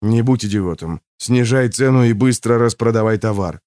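A man's voice: fairly low pitch, normal speed, darkish tone, clear, resonant tone, no echo, clean studio sound, lightly acted. A man voicing a tough male police detective who speaks bluntly and with authority. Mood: stern. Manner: blunt and commanding.

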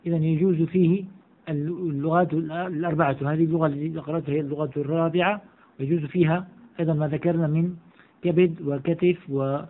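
A man teaching a classical grammar text, reading each line aloud and then explaining it and repeating the examples slowly. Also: on the high side, fairly even intonation. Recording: tinny, phone-like audio.

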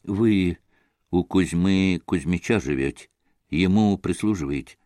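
A man's voice: low-pitched, measured pace, mellow, no room sound, clean studio sound, voice pushed down. A man voicing a desperate, hot-tempered young man in an audiobook, urgent and frantic.

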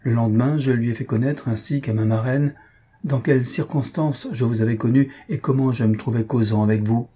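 Guy reading worried young woman, voice pushed up high, husky, kinda dark. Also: brisk, natural voice. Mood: earnest. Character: young woman, anxious, tender. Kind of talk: audiobook reading.

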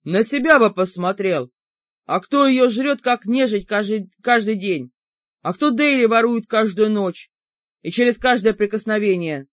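A woman's voice: mid-range voice, expressive, unhurried, no echo. A woman voicing an angry, bickering male shadow spirit in an audiobook. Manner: shouting, insulting. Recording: dull lo-fi dry recording.

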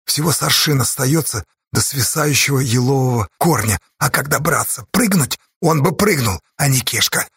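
Man, audiobook narrator, dramatic storytelling, husky, gravelly, dry close sound. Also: medium pitch, expressive, moderate pace, hardly any pauses, fairly bright tone, dry recording.

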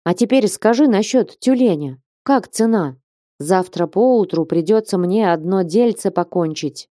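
A woman voicing a sober, practical male merchant who asks calm questions. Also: mid-range voice, unhurried, no room sound, studio quality, close to an everyday voice.

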